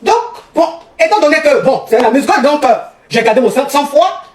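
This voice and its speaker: Woman, lively storytelling, higher voice, roomy echo. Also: brisk. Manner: animated, acts out both sides of dialogues. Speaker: relationship coach. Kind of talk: storytelling to viewers. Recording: echoey room with faint noise.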